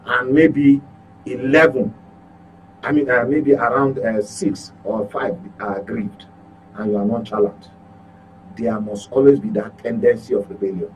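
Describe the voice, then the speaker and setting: Measured and steady, this mid-range male voice belongs to a Nigerian-accented journalist offering political commentary on a talk show. He's emphatic and often repeats and corrects his words, with a clearly noisy electrical hum behind him.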